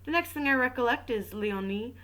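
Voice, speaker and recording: A woman's voice: a little high, fairly quick, a bit bright, rough recording. A woman reading a mystery novel aloud, breaking off for casual, jokey asides. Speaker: reader and commentator. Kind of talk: casual read-aloud with commentary.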